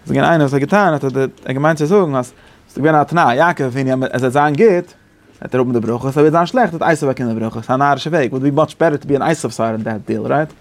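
A man teaching a Torah class in a casual lecturing way, often rising to high emphatic peaks. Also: fast. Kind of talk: Yiddish-flavored Torah class.

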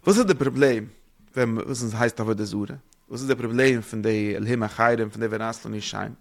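A man giving a spoken religious lesson, rambling quickly and posing rhetorical questions to his listeners. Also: fairly low pitch, creaky. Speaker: religious teacher.

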